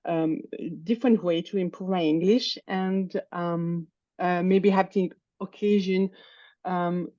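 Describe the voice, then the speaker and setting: This English learner, a woman whose first language is French, speaks with hesitation in her online lesson and keeps reaching for words while practicing conversation. Slow and steady, her fairly low voice has a mellow quality. The video-call recording lacks echo and loses its high frequencies.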